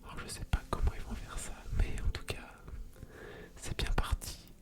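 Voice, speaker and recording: A woman hosting ASMR in a soft, unvoiced library whisper, reading aloud and commenting casually. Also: normal speed. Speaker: ASMR video creator and host.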